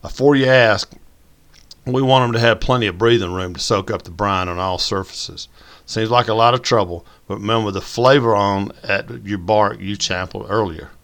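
A man's voice: on the low side, normal speed, a bit bright. A man voicing a stern pit master. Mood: firm. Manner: folksy, plainspoken sayings. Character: older Southern male pit master, stern and steady.

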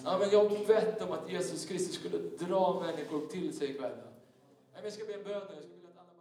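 Male pastor, fervent sermon voice and high for a man, distant mic in a very echoey large hall. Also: mellow. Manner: fervent, urging listeners directly. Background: worship music.

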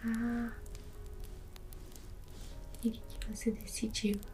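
A Brazilian woman doing an ASMR role-play as a massage therapist, soothing and gently guiding in a soft, breathy soft voice. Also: fairly high pitch, flat delivery, slow pace, over music.

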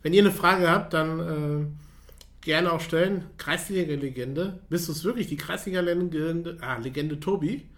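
A man's voice: fairly high pitch, moderate pace, a bit bright. A man hosting a live stream talk, chatting to the viewers and inviting their questions. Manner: chatty, addresses viewers directly. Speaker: livestream talk host.

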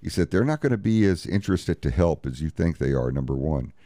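A man's voice: rumbling low, animated, brisk, warm tone, no echo. A man, a paranormal investigator, telling a story in an interview and bluntly acting out each exchange with "he goes" and "I said". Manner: blunt, profane, retells scenes with "he goes, I said".

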